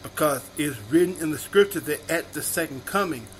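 A male minister delivering a sermon, reading scripture aloud and repeating each verse reference slowly and deliberately. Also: a little high.

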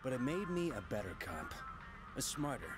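An actor playing an earnest, cool and terse police hero in a video game. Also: male voice, mid-range voice, sing-song, moderate pace, lightly acted. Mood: cool, resolute. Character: earnest heroic young male police officer, cool and terse. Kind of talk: animated game cutscene acting. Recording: loud music over dialogue.

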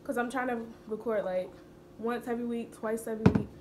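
A woman's voice: on the high side, steady tone, fairly quick. A young woman hosting her own video channel in casual, playful chat. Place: home kitchen, indoors. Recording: clear room noise.

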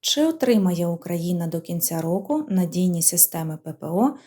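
A woman reading out interview questions in a plain, even way. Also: lowish voice, moderate pace, very noisy. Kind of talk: read-out questions.

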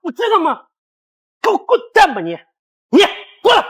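A man's voice: very high-pitched, wildly swooping pitch, normal speed, fairly bright tone, exaggerated voice. A man acting an arrogant factory supervisor in a short drama skit, taunting and jeering at staff. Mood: domineering. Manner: taunting, jeering, often laughing. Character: arrogant bullying male factory supervisor, mocking.

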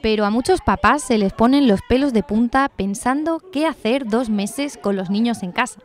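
A woman with a Chilean accent reading a scripted news report in an even, measured way. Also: fairly high pitch.

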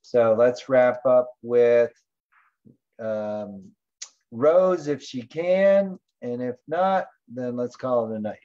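Talking through his shared screen on an online training call, a man thinks aloud in a relaxed, rambling style, and the call audio is lo-fi. His medium-pitched voice is warm and expressive, and he takes his time.

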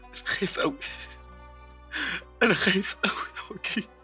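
An actor playing a guilt-ridden man facing execution, confessing his betrayals to a friend in halting, despairing Egyptian Arabic. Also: high voice, pushed and bright, soft background music. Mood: anguished.

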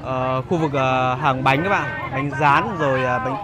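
A man's voice: mid-range voice, a little slow. A man giving casual, hesitant walking-tour commentary as a vlog host, searching for words at an outdoor market. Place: busy outdoor market and street. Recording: noisy outdoor market ambience.

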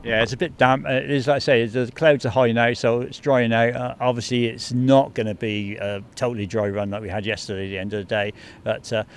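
A man's voice: mid-range voice, steady tone, a little fast, hardly any pauses, clean tone. An older man interviewing a race driver outdoors in a paddock, talking in a chatty, friendly way with a handheld mic. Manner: chatty and friendly, with filler ums. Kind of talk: casual motorsport interview. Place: outdoors in a race paddock beside a team truck. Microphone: handheld mic with fluffy windshield. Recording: faint outdoor background noise.

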